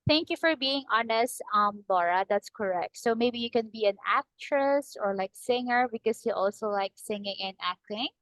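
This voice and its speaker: Filipina tutor in her 20s, kinda high voice, patient and encouraging, video call. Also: moderate pace, few pauses, a bit bright, no room sound, poor audio. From Philippines. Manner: patient, encouraging, repeats the student's name often. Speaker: English tutor. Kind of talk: online speaking lesson.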